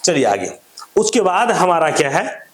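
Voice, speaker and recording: A man teaches a grammar lesson in a lively, up-and-down voice that sits a little high. He keeps asking questions and answering them himself, going over each point again. The sound is roomy and echoey. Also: unhurried. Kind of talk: classroom-style grammar lesson. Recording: echoey room.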